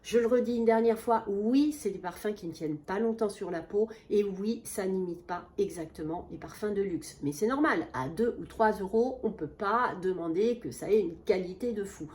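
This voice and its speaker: A beauty vlogger sits at a small table and chats enthusiastically to her viewers in a product review, full of fillers and restarts, recorded on a camera mic. Her voice is mid-range and darkish, at a moderate pace with few pauses.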